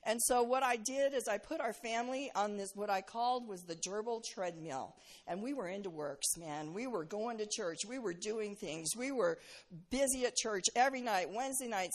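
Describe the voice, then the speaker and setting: Earnest older woman telling her testimony. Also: on the high side. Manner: earnest, candid, emotional storytelling with self-deprecating laughs. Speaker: speaker sharing her testimony. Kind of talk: personal testimony talk.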